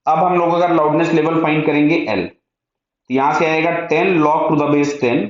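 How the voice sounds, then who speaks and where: A man with an Indian accent teaches physics step by step in a fairly high, steady voice at a slightly slow pace, working a problem aloud. He blends Hindi with English technical terms and poses short check questions that he answers himself. The room is very echoey and the sound dull and muffled.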